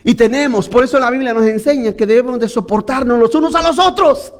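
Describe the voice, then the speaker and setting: High-voiced man preaching with animated energy. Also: brisk. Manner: animated preaching with frequent audience prompts. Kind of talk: sermon.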